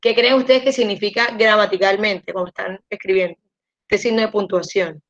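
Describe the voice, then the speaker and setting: A woman teaching an English class online, patiently slowing down to model each word's pronunciation. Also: mid-range voice, fairly even intonation, muffled recording.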